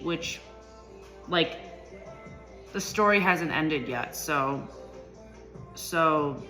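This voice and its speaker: A woman's voice: lowish voice, sharp tone. A woman giving a casual tarot reading, talking loosely with many ums and likes. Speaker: tarot reader.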